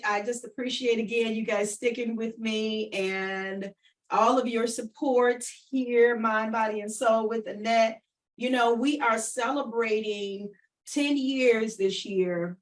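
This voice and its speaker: Her voice is on the high side and a bit bright, with a measured pace, and she's far from the mic. Hosting an online radio show, the woman chats supportively with guests and listeners, speaks to the audience directly in a warm-up interview, and repeats phrases often.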